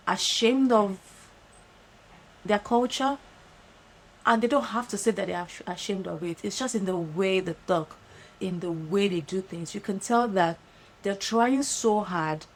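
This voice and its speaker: Woman host, Nigerian accent, animated and emphatic casual monologue. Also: mid-range voice. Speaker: podcast host.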